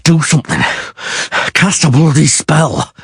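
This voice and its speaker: A man's voice: lowish voice, sing-song, normal speed, slightly rough, no echo, studio quality, heavily acted. A man voicing a weary monster hunter in an audiobook, giving terse, grunting commands. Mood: strained.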